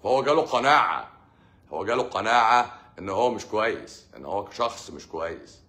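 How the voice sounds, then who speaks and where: A man's voice: fairly low pitch, expressive, fairly quick, bright, forceful tone. A man with an Egyptian accent, a doctor hosting a casual live Q&A, sarcastic and joking as he acts out what his patients say. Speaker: doctor hosting a live stream answering comments.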